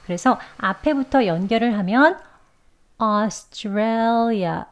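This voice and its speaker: Patient female pronunciation teacher, native Korean speaker, mid-pitched voice, drawn-out demonstrations of sounds. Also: expressive. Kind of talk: pronunciation lesson.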